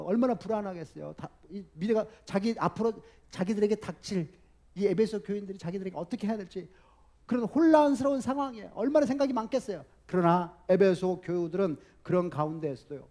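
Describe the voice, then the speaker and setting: A man, a pastor, preaching a sermon and telling the story in a lively way, now and then acting out the people in it. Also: high-pitched. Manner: animated storytelling, acting out quoted voices.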